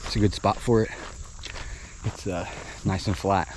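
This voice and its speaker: A man's voice: low voice, steady tone, moderate pace. A man talking casually and out of breath while running outdoors in a park, recorded on an action camera. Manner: chatty, casual, with fillers. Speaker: vlogger. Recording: outdoor camera audio with insect noise.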